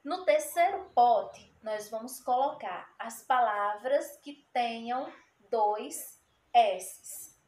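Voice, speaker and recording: Lady teacher doing a spelling lesson for kids, says every word twice real slow, echoey room. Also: on the high side, expressive, darkish tone. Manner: says each word slowly twice, then explains it patiently.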